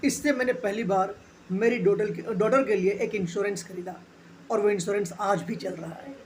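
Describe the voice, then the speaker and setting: A man's voice: sits high, steady tone, moderate pace. Guy on a money advice channel telling his own story, chatty, tosses english bits in, talks to viewers like friends, a bit of faint hiss behind. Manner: chatty, mixes English phrases into Hindi. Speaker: personal finance video host. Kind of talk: casual motivational storytelling.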